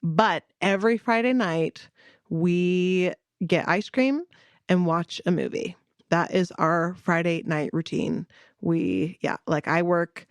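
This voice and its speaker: A woman's voice: on the low side, no room sound. A woman in her thirties co-hosting a podcast, chatting in a rambling way and laughing often. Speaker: podcast co-host. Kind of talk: casual chat.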